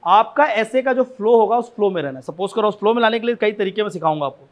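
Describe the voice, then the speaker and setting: A man's voice: high voice, expressive, fast, dull audio. A man teaching essay writing in a conversational classroom lecture, often checking in his students and repeating his key points. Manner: conversational, frequent "ठीक है ना" check-ins; repeats key points, asks rhetorical questions.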